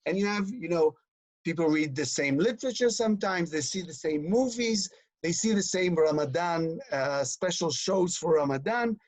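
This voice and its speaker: A man's voice: on the high side, animated, moderate pace, a little mellow, dry recording. A man speaking as a guest educator, explaining in a lecturing way that piles up example after example. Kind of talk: explanatory conversation.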